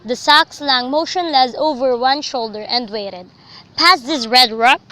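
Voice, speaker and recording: Faint noise runs under this amateur recording of a young adult woman narrating a dramatic, scripted story for a student radio drama. She keeps a measured pace, her voice sitting high with a sharp tone.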